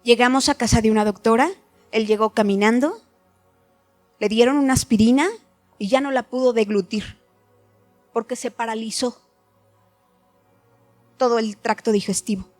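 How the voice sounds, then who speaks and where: A woman's voice: fairly high pitch, moderate pace, pauses often, darkish tone, faint music behind. A middle-aged woman giving an earnest, heartfelt personal testimony at a church meeting.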